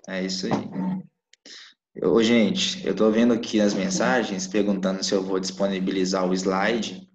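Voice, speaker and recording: Low-voiced man teaching online. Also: flat delivery, slow, a little hiss or hum. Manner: explains with frequent "né?" and "tá?" check-ins. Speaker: Portuguese teacher. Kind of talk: live online class. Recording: echoey room, dull lo-fi mic.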